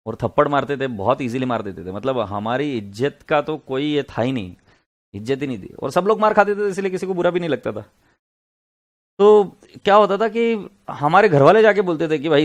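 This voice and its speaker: A middle-aged man giving a casual classroom lecture, telling stories and joking with his students. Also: fairly high pitch. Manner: chatty, joking, mixes Hindi and English. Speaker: accounts lecturer.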